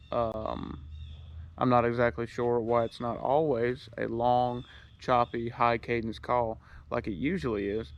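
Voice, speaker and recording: A man's voice: medium pitch, dull audio. A man giving a casual, plain-spoken how-to tutorial, showing each step and repeating the key points. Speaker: duck call instructor.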